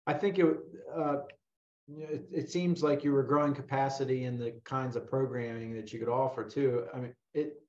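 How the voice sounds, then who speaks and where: A middle-aged man interviewing casually, haltingly rephrasing his questions as he goes, on a video call. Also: mid-range voice, darkish tone. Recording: dull, echoey video call audio.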